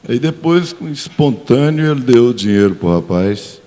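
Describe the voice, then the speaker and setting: A man from Brazil with a São Paulo accent, a pastor chatting in a relaxed, teasing way with youths. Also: mid-range voice, moderate pace. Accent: São Paulo Portuguese. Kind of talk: casual church talk. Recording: reverberant church hall.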